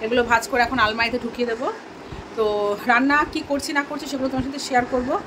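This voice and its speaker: Chatty woman vlogging at home, talks quick, slightly high, bit hoarse, faint noise behind. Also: steady tone. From Bengal. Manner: chatty, addresses viewers directly, scolds her daughter. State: throat slightly hoarse lately. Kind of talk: casual home vlog chat. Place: home kitchen and bedroom.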